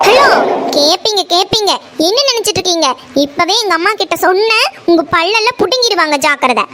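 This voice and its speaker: A very high, bright, piercing voice for a hot-tempered young college girl in a village cartoon, as a woman acts her out. She speaks with a Kongu Tamil accent and snaps every line back in a scolding, dismissive tone. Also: animated, brisk, a little hiss or hum, exaggerated voice. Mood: scornful. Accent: Kongu Tamil (Coimbatore). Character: sharp-tongued young college woman, quick to anger. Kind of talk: cartoon voice acting.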